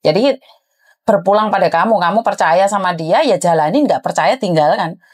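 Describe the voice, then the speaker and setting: Hosting an advice chat, this woman speaks at a normal speed in a lowish voice. Her advice to the caller is frank and lecturing.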